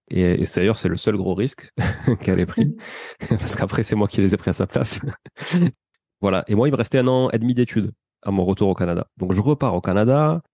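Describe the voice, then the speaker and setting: A man's voice: lowish voice, vocal fry, mellow, no room sound, clean studio sound. A man of around forty with a Toulouse accent, telling his life story as a guest in a casual interview and often turning to the host. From France. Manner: chatty, addresses the host with "tu vois".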